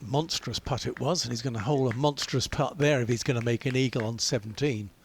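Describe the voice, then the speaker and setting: Golf commentator, male, mid-pitched, chatty and analytical, fond of rhetorical questions. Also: brisk, gravelly, slight background noise.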